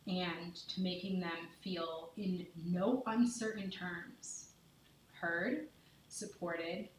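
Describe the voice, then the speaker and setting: A woman speaks in a low, earnest voice, choosing her words with care. Her heartfelt, deliberate talk is caught from a distance. The room rings with a heavy echo, and there is faint noise behind her. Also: fairly even intonation. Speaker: podcast guest, mother. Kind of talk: candid conversation.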